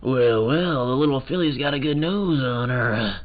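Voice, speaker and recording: A drawling cowboy-style detective from a video game, easygoing and folksy , as a man puts him on. The voice sits at a middling pitch, and the recording is a bit dull and lo-fi. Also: animated, unhurried, close to an everyday voice. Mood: laid-back.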